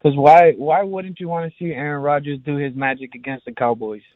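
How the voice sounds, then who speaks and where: A man's voice: fairly high pitch, fairly even intonation, no echo. A man calling in to a sports radio show, stammering and restarting his sentences. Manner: stammering, halting. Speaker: caller. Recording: tinny phone line.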